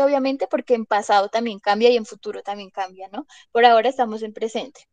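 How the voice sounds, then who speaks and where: A woman's voice: on the high side, a little mellow, dry recording. A woman teaching an English class, explaining with many examples and checking in with her students. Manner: chatty, explains with examples, asks "¿listo?". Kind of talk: classroom lesson.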